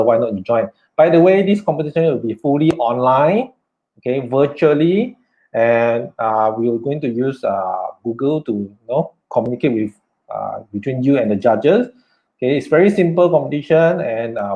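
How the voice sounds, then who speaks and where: Malaysian man hosting, filler-heavy and lo-fi. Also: medium pitch. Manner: hesitant, many "okay" and "uh" fillers. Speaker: workshop host. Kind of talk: live online workshop hosting.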